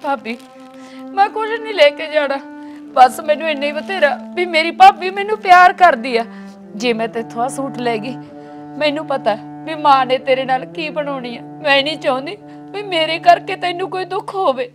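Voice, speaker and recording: Actress: tearful young married daughter, high-pitched, pleading, crying throughout. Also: female voice, moderate pace, faint music behind, close to an everyday voice. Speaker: daughter visiting her father.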